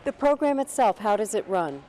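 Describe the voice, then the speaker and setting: A woman's voice: medium pitch, sing-song, normal speed, dark tone, a little hiss or hum. A woman hosting a community cable TV show who asks short, polite interview questions. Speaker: community TV host. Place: indoor futsal facility.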